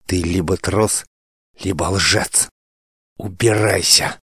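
A proud, grieving princess from an audiobook tale, voiced by a man in a low, deep register. She rules and accuses with a commanding edge. The voice sounds dry and close. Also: fairly even intonation, slow, a bit bright, breathy edge, dry recording, heavily acted. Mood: furious. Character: grieving, frantic royal princess, imperious.

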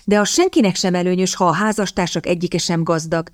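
A woman's voice: fairly low pitch, fairly even intonation, no echo, studio quality, close to an everyday voice. A woman voicing a determined young woman in an audiobook, speaking in a coaxing, persuasive manner. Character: sharp, determined young woman seeking a husband.

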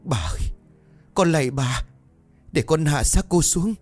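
A man's voice: a little high, animated, measured pace, darkish tone, faint music behind, voice pushed up. A guy voicing a young servant woman, crying and begging, voice pushed up. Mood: pleading. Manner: tearful, pleading. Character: young maidservant woman, sobbing and pleading.

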